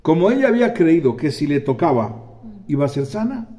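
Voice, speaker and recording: A man preaching a sermon, animated, acting out voices and calling on the congregation for amens. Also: on the high side, fairly quick.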